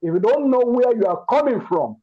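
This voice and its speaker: His pitch extremely high and his delivery animated, brisk and a bit breathy, a Yoruba-accented Nigerian man gives earnest testimony to a group in an online masterclass. He repeats words and phrases for emphasis. The audio is muffled.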